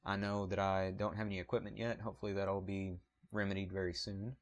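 A man with a thick Southern US drawl and a low voice talks casually to camera for his photography channel. He rambles a little, full of ums and apologies, and the sound comes through a small point-and-shoot camera mic. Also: little pitch movement, fast talker.

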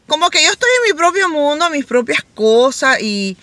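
A middle-aged woman vlogger telling stories to camera in a chatty, animated way, laughing often and acting out quoted voices in a high pitch. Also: moderate pace, no echo. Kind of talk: casual storytelling to camera.

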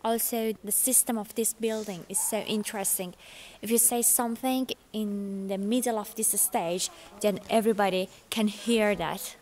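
Strolling through ancient ruins outdoors with a camera held out at arm's length, an Iranian woman in her thirties vlogs her travels in a chatty, inquisitive way. She isn't an English speaker and her phrasing shows it; her voice is medium-pitched and darkish, fairly even, at a moderate pace.

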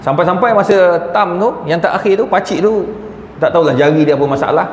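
A man with a Malaysian Malay accent giving a lecture in a large hall, telling animated stories and acting out the people in them. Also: high voice, brisk, slight background noise. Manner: animated anecdotes, acts out quoted voices. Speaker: religious lecturer. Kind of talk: mosque lecture with storytelling. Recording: echoey hall with faint ambience.

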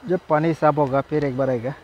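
With dull audio, a man speaks fairly quickly in a fairly high voice with fairly even intonation. He's casually narrating a vlog to camera outdoors by a jungle river in the rain, repeating himself and exclaiming frequently.

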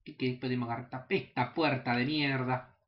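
A young man with a Rioplatense Spanish accent giving casual, excitable, profanity-laden commentary while playing a video game, sometimes breaking into high yelps. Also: fairly quick, lo-fi sound. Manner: excitable, swears often, jumps into high yelps. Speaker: gaming channel host. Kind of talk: casual let's play commentary.

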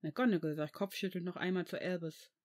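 A narrator reading fan fiction aloud in a steady storytelling manner. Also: medium pitch, fairly quick.

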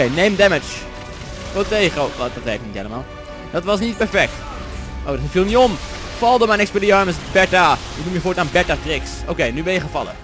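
Jokey Dutch gaming commentator. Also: male voice, fairly high pitch, a bit bright. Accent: Netherlands Dutch. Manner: jokey, swears a lot, chatty. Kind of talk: let's play commentary.

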